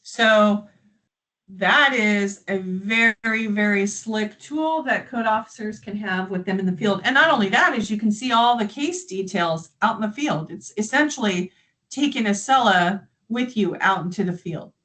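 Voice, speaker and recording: A woman from the United States leading a live software training, explaining features in a friendly, chatty way. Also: medium pitch, unhurried, poor audio.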